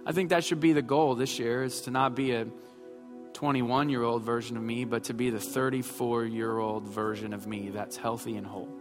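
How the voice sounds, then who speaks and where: With a medium-pitched voice and flat delivery at a moderate pace, a thirtysomething pastor delivers his sermon, joking at his own expense between emphatic points. Long hall reverb and faint music fill the recording.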